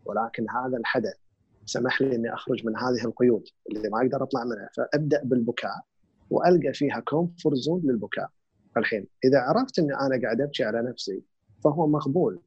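A man with a Gulf Arabic accent talks through feelings and grief in a calm, explanatory way, dropping in English words. His voice is husky and his words come very fast. The sound is dry and close. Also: mid-range voice, no room sound, highs cut off. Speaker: guest speaker on grief and emotions. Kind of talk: reflective conversational explanation.

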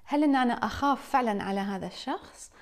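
A woman's voice: on the high side, animated, rapid-fire. A woman and mother, talking casually and reflectively to her live stream viewers, putting questions straight to them. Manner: reflective, questioning, addresses listeners directly.

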